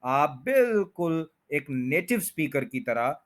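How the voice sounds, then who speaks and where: A man teaching English pronunciation in Hindi, repeating words slowly to show their stress. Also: on the high side, very animated. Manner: slow, drawn-out repetition of words with stress. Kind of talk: pronunciation lesson explained in Hindi.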